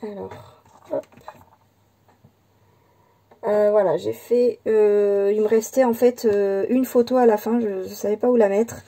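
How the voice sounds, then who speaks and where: Dark-voiced woman showing her scrapbook. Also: medium pitch, fairly even intonation, a little slow, pauses often. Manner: hesitant, many fillers and restarts. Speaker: scrapbooking channel host. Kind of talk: casual crafting show-and-tell.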